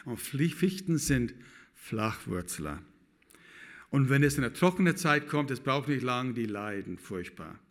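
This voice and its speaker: A middle-aged pastor preaching a sermon, talking with loose, broken grammar and turning to the congregation with questions. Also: male voice, medium pitch, unhurried. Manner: lively, addresses the congregation with questions.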